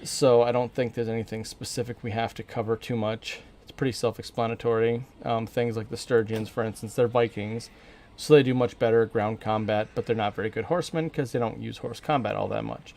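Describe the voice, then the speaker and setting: A man's voice: medium pitch, fairly even intonation, a little fast, creaky, a little mellow, a little hiss or hum. American man casually commentating a game stream. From northern Minnesota, USA. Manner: rambling, informal, thinking aloud.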